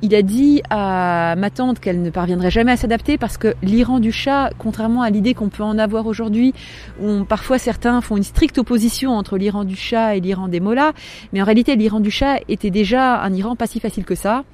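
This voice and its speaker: A woman in her forties tells a personal story as a podcast guest. Her voice is mellow and warm, with a pitch in the middle for a woman. She speaks hesitantly, pausing and restarting often as she searches for words. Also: slight background noise. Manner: hesitant, with frequent pauses and restarts.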